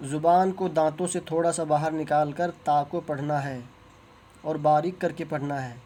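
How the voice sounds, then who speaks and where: Man teaching letters slowly. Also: on the high side, steady tone, warm tone, slight background noise. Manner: drawn-out, careful letter recitation with pauses. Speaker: Quran teacher. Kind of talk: slow teaching of Arabic letter pronunciation.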